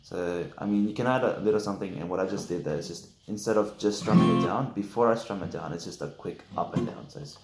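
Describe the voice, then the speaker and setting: A young man giving a casual guitar lesson, halting and full of fillers, correcting himself as he goes, sounding just woken up. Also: low voice. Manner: hesitant, many fillers, self-correcting. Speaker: guitar teacher. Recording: roomy echo with loud guitar playing.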